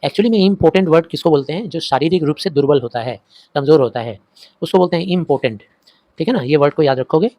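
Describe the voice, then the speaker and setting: A middle-aged male teacher walks students through a story, pausing to unpack the meaning of words. His voice sits slightly high, and the recording is dry and close, with no echo. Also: animated, mellow. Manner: explains slowly, glossing words and mixing languages. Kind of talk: story explanation lesson.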